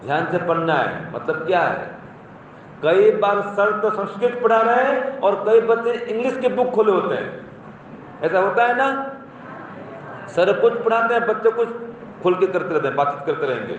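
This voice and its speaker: A man lectures a room of schoolchildren in a teacherly way, repeating his points and praising the children who answer. His voice sits high and carries from far off, in a very echoey space that sounds dull and muffled. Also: expressive, normal speed, a little hiss or hum. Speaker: speaker addressing school students. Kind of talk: moral talk to a class. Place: school hall or classroom.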